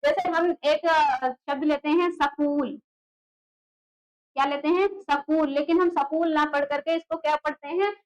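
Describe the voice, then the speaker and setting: A woman's voice: high voice, steady tone, a little slow, highs cut off. A woman teaching a Hindi exam-prep class, explaining patiently and asking herself questions that she answers straight away. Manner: asks rhetorical questions then answers them; explains patiently, repeating key words. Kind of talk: classroom lecture at a board.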